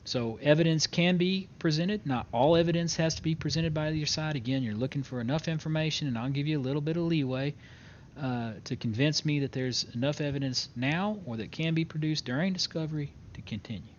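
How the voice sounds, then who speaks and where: A man role-playing a judge in court, announcing formally like a court clerk, with hesitant pauses. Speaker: judge in an online role-play game. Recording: dull lo-fi mic with clear rumbling noise.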